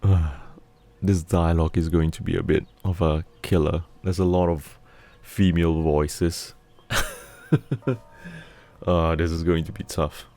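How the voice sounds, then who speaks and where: A man's voice: low-pitched, steady tone, slow pace, dark tone. A young man from Malaysia, reading a bedtime story ASMR-style and chatting relaxedly with viewers. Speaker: storyteller streamer.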